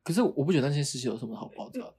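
Husky podcast cohost talking fast, stumbles and repeats words, laughs a lot. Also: mid-range voice, very animated, dark tone. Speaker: podcast co-host. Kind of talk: casual chat.

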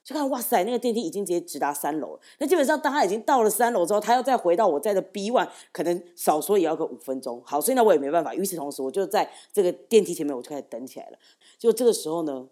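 A young woman tells a spooky tale in rapid, breathless bursts. Her pitch sits a little low yet swings widely as she builds tension, and she talks like a casual guest on a chat show. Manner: animated storyteller, builds suspense. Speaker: guest, theatre director. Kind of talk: casual ghost-story telling.

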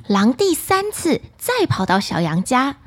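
Lively high-voiced woman telling a bedtime story. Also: a little slow, breathy edge. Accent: Taiwanese Mandarin. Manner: lively, expressive children's storytelling.

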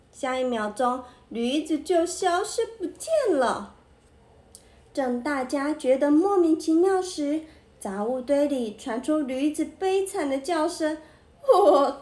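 A woman narrating a children's story in an expressive way. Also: high-pitched, echoey room. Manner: expressive, slow.

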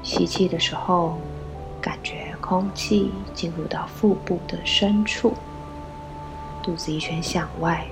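A woman leading a guided meditation, gently giving instructions in a soft, breathy voice with pauses. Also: fairly low pitch, steady tone, in a whisper. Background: background music.

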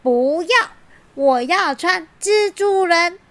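A woman voicing a hot-tempered little elephant prince boy, yelling and stubborn. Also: extremely high pitch, expressive, takes it slowly, voice pushed up, exaggerated voice. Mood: sulky.

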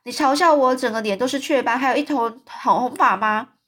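A woman voicing a furious, skinny, red-haired orphan girl who yells indignantly in a retold storybook. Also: brisk. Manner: shrill, yelling, indignant.

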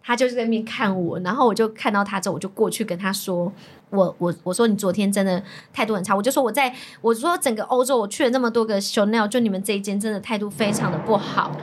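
A woman with a Taiwanese Mandarin accent telling an animated story, acting out the lines of each person in it and jumping high in pitch when she quotes herself. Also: quick pace, a little hiss or hum. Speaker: podcast guest.

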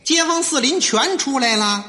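A man tells a comic story in crosstalk style, his voice high and bright. He swings lively through the characters as he talks. A long hall reverb trails each line. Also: moderate pace. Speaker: crosstalk performer.

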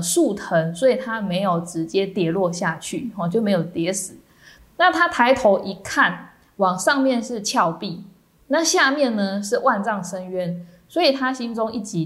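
A woman with a Taiwanese Mandarin accent, a Buddhist nun giving a dharma talk in a measured way with many soft fillers. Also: medium pitch.

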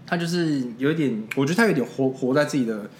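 A man's voice: medium pitch, animated, fast, echoey room, a little hiss or hum. A man hosting a casual podcast chat, telling rambling anecdotes and laughing at his own stories. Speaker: podcast host.

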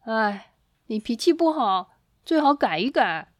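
A woman's voice: sits high, very animated, normal speed, no echo, clean studio sound, voice pushed up. A woman voicing a friendly, cheerful grown man in a children's storybook. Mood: upset.

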